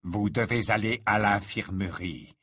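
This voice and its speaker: Audiobook teacher, man reading: low, slow, curt, husky. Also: fairly bright tone, no echo, clean studio sound. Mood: cold. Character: stern, cold male teacher, older.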